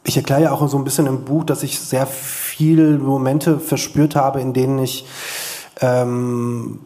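A man's voice: mid-range voice, level tone, dark tone. Earnest man reading his own prose. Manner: earnest, measured reading with many pauses. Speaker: author reading at a literary evening. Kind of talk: reading aloud from his own book, then answering questions. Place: literary event before an audience.

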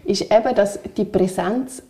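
A woman's voice: mid-range voice, a little slow, dark tone. A woman with a Swiss German accent co-hosting a podcast, speaking candidly and thinking aloud in long, winding sentences. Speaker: podcast co-host. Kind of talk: reflective casual chat.

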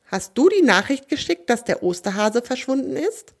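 Casting a woman as a small, timid but brave male creature for a storybook reading, high and eager. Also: big pitch swings, normal speed, heavily acted. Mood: curious.

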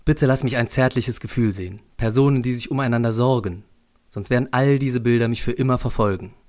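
A man's voice: medium pitch, fairly quick, darkish tone, lightly acted. A man voicing a stern older male senior teacher who speaks in solemn, earnest pleas. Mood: pleading.

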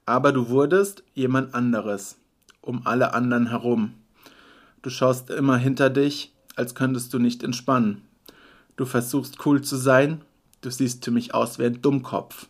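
A young man with a mid-range voice co-hosts a casual podcast. He reads lyrics and makes dry, deadpan jokes at his own expense. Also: mid-range voice, a little slow. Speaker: podcast co-host. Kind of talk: casual podcast game banter.

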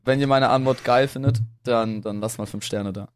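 A man's voice: medium pitch, fairly even intonation, normal speed, clean tone. A young man co-hosting a casual podcast, teasing his friend in playful slang. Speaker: podcast co-host. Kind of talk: casual chat.

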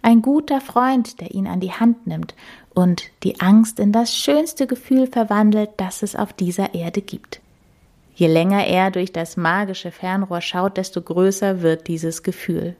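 A woman narrating a children's story in a soft, soothing, half-whispered voice. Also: mid-range voice, unhurried.

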